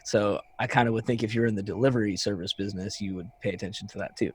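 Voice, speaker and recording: A man's voice: on the low side, level tone, fast, darkish tone, breathy edge. A man in his thirties hosting a podcast, telling a rambling story in casual chat and acting out the people he quotes. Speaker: podcast host.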